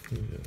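A middle-aged man casually murmuring player names as he opens hockey card packs at a table, clearing his throat often. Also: very noisy. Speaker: card collector opening packs. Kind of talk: casual pack-opening commentary. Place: indoor table at home.

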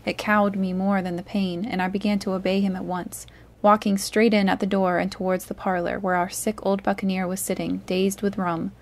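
Female storyteller, calm and soothing read-aloud of a classic novel. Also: medium pitch, moderate pace.

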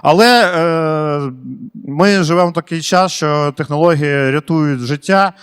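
A man's voice: fairly high pitch, unhurried, fairly bright tone, clean tone, in a large hall. A male stand-up comedian doing crowd work in a comedy club, chatty and slangy, swearing freely.

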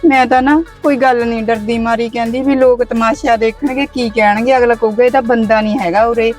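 A woman playing a put-upon young wife, soft and complaining, in a family drama. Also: fairly high pitch, fairly even intonation, fairly quick, faint music behind, lightly acted. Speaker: younger sister-in-law. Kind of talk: village family drama acting.

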